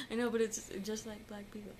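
A woman's voice: on the high side, lively intonation, unhurried. A woman chatting casually beside her partner in a home vlog, with brief dry interjections. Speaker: vlog co-host. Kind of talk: casual chat. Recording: noisy home recording.

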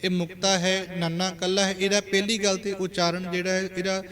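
A man with a Punjabi accent teaches scripture recitation in a fairly high voice. He recites verses slowly and deliberately, pausing between words to show how each one should be pronounced. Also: completely flat delivery, a crowd in the background. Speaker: Sikh preacher teaching scripture pronunciation. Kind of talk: religious lesson on recitation.

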